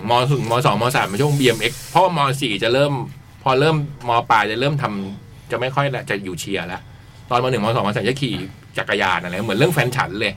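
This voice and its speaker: A man's voice: medium pitch, fast. Laid-back man chatting with light background hiss. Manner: relaxed, laughs often, asks playful questions. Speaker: podcast host. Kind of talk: casual chat.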